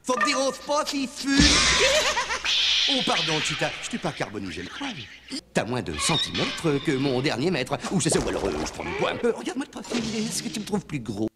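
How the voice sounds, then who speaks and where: A man voicing a boisterous, wisecracking genie of the lamp in animated film style, with theatrical swoops from booming announcer to silly asides. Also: a little fast, loud music behind the voice. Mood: boastful, exuberant. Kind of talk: animated film dubbing imitation.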